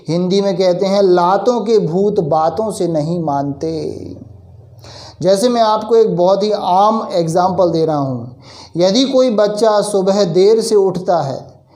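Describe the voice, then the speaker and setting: Slow, high-voiced man teaching English phrases. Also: mellow, echoey room. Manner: explains patiently, asks the class questions and answers them himself; reads English phrases out slowly and deliberately. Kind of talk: Hindi-medium English lesson.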